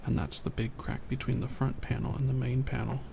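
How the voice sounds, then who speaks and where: A man speaks softly in an ASMR stream, his voice low-key and gravelly with a touch of fry. He rambles in a relaxed way and chats with his viewers from his desk. A steady hiss of ambience sits under the recording. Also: a little fast. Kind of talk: soft-spoken ASMR chat.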